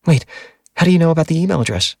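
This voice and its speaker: A blunt, curious teenage girl, as a male audiobook narrator puts her on, her lines pitched up in quick questions. The voice keeps a gravelly grain underneath and sits close and dry on the mic. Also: animated, darkish tone, dry recording. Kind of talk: audiobook character voice.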